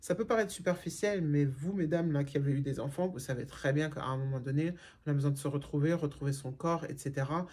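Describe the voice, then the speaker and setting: Here a middle-aged woman from Germany chats as a vlogger, replying frankly to viewers' questions amid frequent fillers and restarts. She talks fast in a low voice with a darkish tone.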